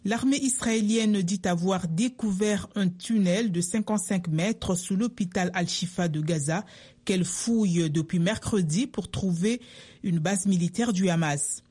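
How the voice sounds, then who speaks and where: A woman's voice: medium pitch, unhurried, warm tone, husky. A woman presenting a radio news bulletin, reading from a script.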